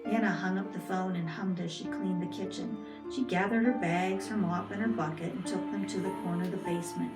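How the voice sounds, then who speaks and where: A woman with a soft, velvety voice narrating a scripted dark short story. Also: fairly low pitch, steady tone, a little fast, hardly any pauses. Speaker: storyteller reading own stories. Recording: roomy, distant, music behind.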